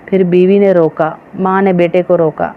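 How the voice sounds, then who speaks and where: A woman's voice: fairly low pitch, fairly even intonation. A woman religious teacher preaching a sermon to women, emphatic and full of rhetorical questions. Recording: dull, slightly noisy recording.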